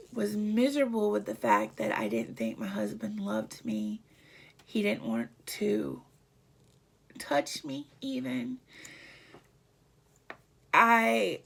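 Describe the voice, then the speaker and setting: Woman, husky voice, lively pitch, halting personal story, near-whispered at times. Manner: halting, emotional, often dropping to a near whisper. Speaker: vlogger.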